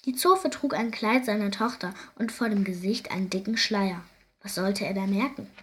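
A woman reads a children's story aloud with lively expression, her mid-range voice keeping a moderate pace.

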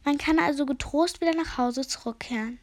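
A woman's voice: high-pitched, brisk, pitched above the performer's own voice, lightly acted. A woman voicing a haughty, lazy male lizard who serves as a court official, speaking nasally and condescendingly in a storybook. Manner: condescending, drowsy.

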